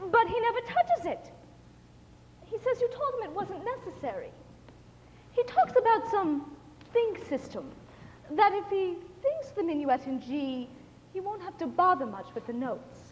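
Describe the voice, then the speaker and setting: A teenage actress playing a polite, reserved young librarian in a stage musical. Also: female voice, very high-pitched, big pitch swings, unhurried, pauses often, exaggerated voice. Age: teens. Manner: polite and hesitant. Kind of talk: high school musical theater acting. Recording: hall stage recording, dull with hiss.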